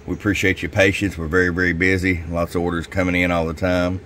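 A man with an extremely deep voice talks a customer through a tune-up at his radio workbench. He is folksy and chatty, and his casual talk carries a faint hiss behind it. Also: little pitch movement, quick pace, fairly bright tone. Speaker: radio shop owner.

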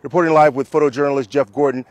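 A man in his thirties, working as a field reporter, delivers the news earnestly and emphatically into a handheld mic, live from a mall parking lot outdoors. His medium-pitched voice stays fairly even in intonation as he races through his words, with no room sound.

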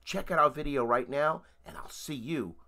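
A man presenting himself as a children's magician in a scripted promotional pitch. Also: animated, normal speed, pushed and bright.

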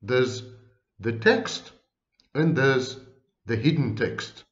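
A man with a thick foreign accent, lecturing on psychology in an emphatic way, stacking word after word with long pauses. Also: medium pitch, roomy sound, dull audio. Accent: foreign accent, non-native English. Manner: emphatic, lists words one by one with long pauses. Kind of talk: lecture to camera.

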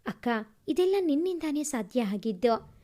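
A woman's voice: high-pitched, sing-song, normal speed, dark tone. A woman voicing an eager, affectionate young male student in a story reading.

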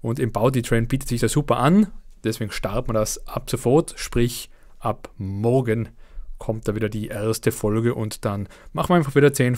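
A let's play channel host gives viewers a casual monthly update from his home setup. His voice is middle-pitched and darkish, slightly worn because he's a bit under the weather with a cold. He's chatty and uses fillers, his pace speeding up and slowing down.

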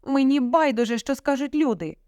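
Brief: woman doing a young storybook daughter, tearful but defiant, higher voice, dry sound. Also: lively intonation, moderate pace, a little mellow, no echo, close to an everyday voice. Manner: pleading then defiant, emotional.

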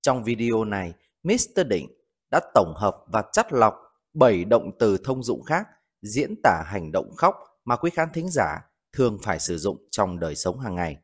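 A man teaching English vocabulary, repeating each example sentence slowly for learners. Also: fairly low pitch, slightly rough. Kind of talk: vocabulary lesson narration.

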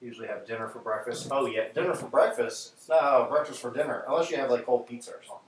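Talking quickly at a medium pitch, a livestream host cooks breakfast and chats with viewers while adjusting his audio. He's far from the microphone, so his voice carries an echoey, cave-like sound and faint noise.

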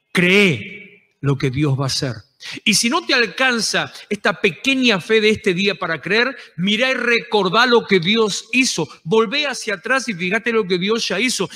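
Pastor, Rioplatense man, fiery sermon delivery; high, bright voice in a reverberant church hall. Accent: Rioplatense Spanish. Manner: impassioned preaching, rising to shouted exhortations.

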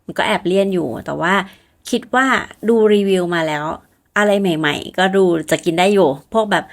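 A woman's voice: lowish voice, moderate pace. A young woman hosting a podcast, telling a true-crime story in a casual, chatty way and often speaking straight to her listeners. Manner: chatty, addresses listeners directly with polite particles. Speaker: podcast host.

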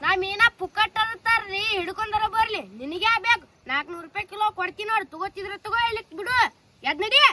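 A man's voice: very high-pitched, fast talker, noisy background. An actor playing a street fish seller with a North Karnataka Kannada accent who cries his wares and snaps back at buyers. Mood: curt. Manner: loud hawking calls, curt retorts. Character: gruff street fish seller, adult man.

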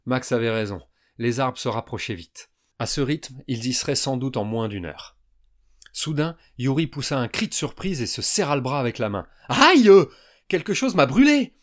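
A man calmly narrating a science fiction audiobook for young listeners. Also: mid-range voice, moderate pace. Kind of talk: scripted narration.

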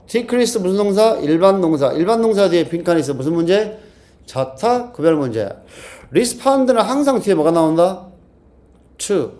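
Lively, mellow-voiced male English teacher. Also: high voice. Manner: drilling, repeats key phrases, asks rhetorical questions. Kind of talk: lecture.

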